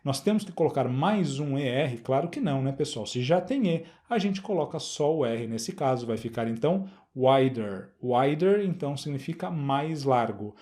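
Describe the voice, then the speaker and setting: Mellow Brazilian teacher, patient and clear. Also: male voice, medium pitch, animated. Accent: Brazilian Portuguese. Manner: didactic, repeats words slowly, checks in with the class. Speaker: English teacher. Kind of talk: explaining a grammar exercise.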